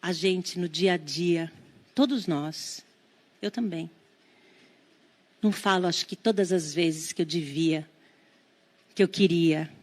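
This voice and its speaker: A middle-aged Brazilian woman giving a live lecture on parenting, lively and drawing the audience in with questions. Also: on the low side. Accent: Brazilian Portuguese. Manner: lively, engages the audience with questions and quick asides.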